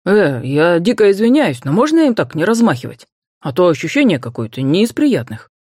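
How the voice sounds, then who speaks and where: A woman's voice: low voice, expressive, normal speed, a little mellow, no room sound, studio quality. A woman voicing the ghost of a young man who talks in a casual, slangy, eager way for an audiobook. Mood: lively. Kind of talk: audiobook character voice.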